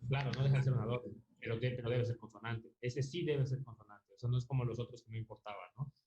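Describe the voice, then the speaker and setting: A fast-talking man with a steady, mellow mid-range voice teaches music theory online, patiently explaining while using fillers and frequent tag questions to check in. The lo-fi recording is dull and roomy, with a little hiss or hum.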